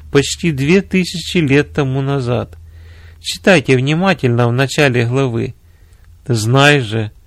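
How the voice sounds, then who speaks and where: A man's voice: mid-range voice, dry recording, clean studio sound. A man voicing an earnest male minister who explains scripture patiently.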